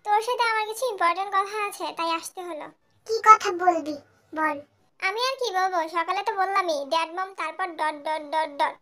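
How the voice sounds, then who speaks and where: A rude, scheming young man, voiced by a woman in a home-made audio drama. He speaks coarsely in a lowered, rough voice that stays bright. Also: a little fast. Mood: worried.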